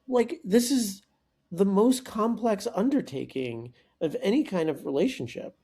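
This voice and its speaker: Gravelly man telling a lively story. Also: high voice, a little slow. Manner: animated, restarts sentences often. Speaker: guest, startup coach and author. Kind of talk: conversational podcast storytelling.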